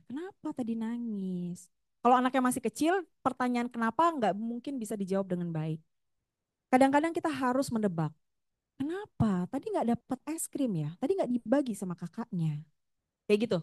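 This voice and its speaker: A woman's voice: a little high, no room sound, clean studio sound. A middle-aged woman psychologist giving a seminar talk on parenting, acting out what parents and children say. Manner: animated, acts out parent and child quotes.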